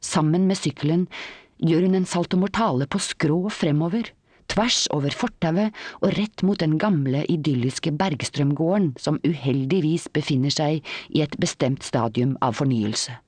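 A narrator reading a story aloud in a measured, dramatic storytelling manner. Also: medium pitch, a little mellow, no echo. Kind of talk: audiobook narration.

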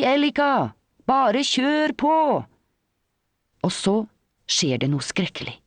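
A narrator reading a story aloud in a measured, dramatic storytelling manner. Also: medium pitch, a little mellow, no echo. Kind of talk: audiobook narration.

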